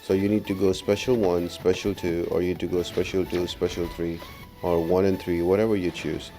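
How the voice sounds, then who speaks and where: A gaming guide video narrator gives a casual, instructional game walkthrough as a voice-over, explaining steps briskly. His low-pitched voice is warm with little pitch movement, and faint music plays in the background.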